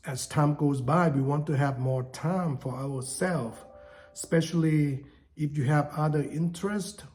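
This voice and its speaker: A man in his fifties who grew up in Thailand talks unscripted to camera, stopping and restarting often with plenty of fillers. His voice sits at an ordinary pitch with a soft, mellow tone. It feels like an easygoing home vlog. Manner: halting, many fillers and restarts. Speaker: vlogger. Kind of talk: casual unscripted talk to camera.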